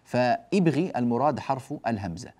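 A man teaching Quran recitation rules, stretching example words slowly and addressing his listeners directly. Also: mid-range voice, lively intonation, darkish tone. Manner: addresses listeners directly, mildly scolding asides. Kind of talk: religious lesson explaining tajweed rules.

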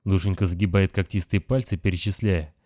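A man reading a novel aloud as narrator, steady and measured. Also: deep voice, no echo, studio quality. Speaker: audiobook narrator. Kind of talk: scripted narration.

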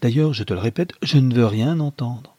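Man voicing a distraught young husband, pleading, raised voice, husky, dry close sound. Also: medium pitch, normal speed, dark tone, no room sound, pitched above the performer's own voice, close to an everyday voice. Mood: firm refusal. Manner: pleading, rising to anguished outcries. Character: Adolphe, anguished young husband, easily wounded.

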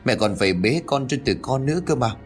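A man's voice: mid-range voice, lively intonation, quick pace, soft background music, close to an everyday voice. A man voicing a sulky, whimpering young man with a crooked mouth in a narrated ghost story. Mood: whiny.

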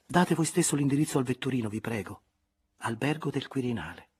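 A man reading aloud and voicing an anguished young noblewoman, pleading and often breathy and whispered. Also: mid-range voice, animated, brisk, darkish tone, pitched above the performer's own voice. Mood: gentle. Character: anguished young noblewoman, tender yet wounded.

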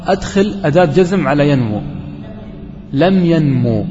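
A slightly high-pitched man gives a grammar lesson, working through each rule slowly and quizzing his students as he goes. The recording is dull and lo-fi, with a long reverb trailing off in the hall. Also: expressive, background noise. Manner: explains step by step with questions to students. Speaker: teacher of Arabic grammar. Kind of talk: classroom lesson.

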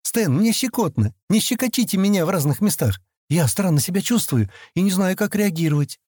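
A man voicing a gentle, curious young woman with a soft, lilting, naive manner in an audiobook reading. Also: fairly high pitch, very animated, fairly quick, breathy edge, no room sound, studio quality, pitched above the performer's own voice.

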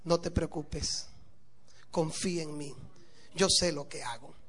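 Guy doing a chill confident young husband, low soft voice, slow and soothing. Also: steady tone, slightly rough, exaggerated voice. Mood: calm reassuring.

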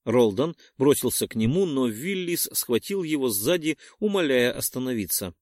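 A male audiobook narrator tells the story with a lively, shifting intonation. His voice sits at an average pitch and is recorded close and dry, with no room around it. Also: moderate pace, no room sound. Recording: dry close studio sound.

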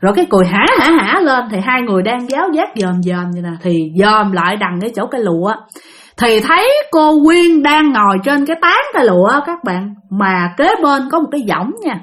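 Lively Southern Vietnamese woman storyteller. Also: a little high, a little fast. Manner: lively, addresses listeners directly, acts out voices. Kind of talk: spoken ghost story narration.

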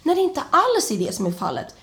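A young woman co-hosts a casual podcast, spinning a story with lots of energy. Her voice sits a little high and swings widely, and she jumps into sudden loud quotes of the people in the tale. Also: gravelly. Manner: animated, acts out quotes with sudden high shouts. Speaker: podcast co-host.

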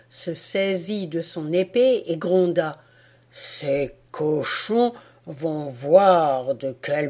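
A woman reading a folk tale aloud as an audiobook, in an expressive storytelling manner. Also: medium pitch. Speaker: audiobook reader. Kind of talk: storytelling narration.

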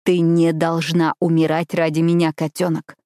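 A woman reading an audiobook, voicing a fierce, commanding young man who growls his words hoarsely through clenched teeth. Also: deep voice, completely flat delivery, normal speed, mellow, dry recording, studio quality, close to an everyday voice. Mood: furious. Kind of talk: audiobook character voice.

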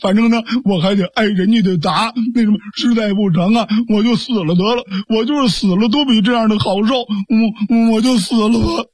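A man's voice: high-pitched, a little fast, few pauses, darkish tone, slightly rough, no room sound. A man voicing a simple-minded young man who whines and pleads tearfully. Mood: whining. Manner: pleading, tearful, childish whining. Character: whiny simple-minded young man, bullied little brother.

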